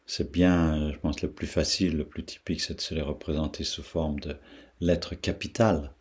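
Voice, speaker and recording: A man leading a guided meditation talk, speaking slowly with pauses and repeating syllables to show how they sound. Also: very deep voice, level tone, slightly rough. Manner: slow, pausing, repeats syllables to demonstrate their sound. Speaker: meditation teacher.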